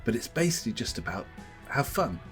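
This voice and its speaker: A man co-hosting a podcast, chatting casually about games, animated and laughing often as he talks. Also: mid-range voice, a little fast, soft background music. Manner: animated, laughs often, puts on voices to mimic others. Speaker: podcast co-host.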